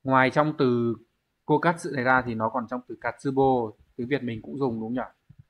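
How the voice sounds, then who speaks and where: A man's voice: mid-range voice, fairly even intonation, moderate pace. A man teaching a language exam review lesson. He explains step by step and keeps checking with the class. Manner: explains step by step, often asks the class to confirm.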